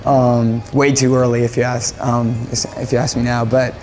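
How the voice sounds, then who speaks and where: A man's voice: medium pitch, little pitch movement, moderate pace, a little mellow, soft background music. A man from Japan, a band musician, talking casually in an interview in a rambling way, often repeating phrases and restarting.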